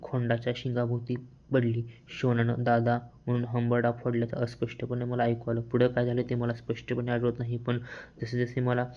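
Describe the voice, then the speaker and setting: A man reading a novel aloud as its first-person narrator, steady, with small restarts now and then. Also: medium pitch. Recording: dull, slightly lo-fi sound.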